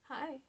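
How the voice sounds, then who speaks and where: A woman's voice: a little mellow, highs cut off. A young woman casually reading fan fiction aloud, breaking off for sarcastic, laughing, swearing asides. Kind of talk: casual comedic read-along.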